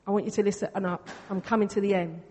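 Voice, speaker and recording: Heard over the church's sound system in an echoing hall, this woman, whose first language is Greek, delivers a conversational sermon and keeps repeating phrases to drive her points home. She talks quickly, with a steady, warm, husky mid-range voice.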